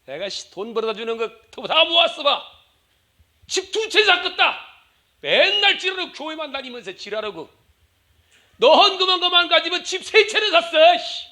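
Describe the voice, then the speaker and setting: A man doing a nagging shrill wife. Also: very animated, normal speed, bright, forceful tone, heavily acted. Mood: scolding. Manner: scolding, exasperated rant. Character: nagging middle-aged wife scolding her husband.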